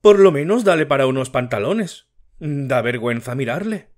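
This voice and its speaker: A man voicing a timid middle-aged mother who pleads gently on behalf of her son in an audiobook story. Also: medium pitch, expressive, moderate pace, natural voice. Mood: pleading.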